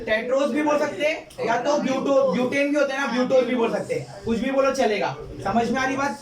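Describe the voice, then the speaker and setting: A very high-pitched, brisk male voice belongs to a chemistry teacher addressing his class, repeating key points and questioning students. The sound is echoey, picked up from a distance amid student chatter in a classroom.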